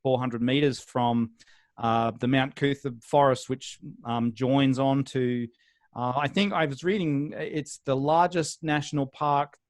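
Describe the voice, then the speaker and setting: An Australian man, a guest on a video call interview, talking in a relaxed, rambling way with many pauses and restarts. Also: mid-range voice, no room sound.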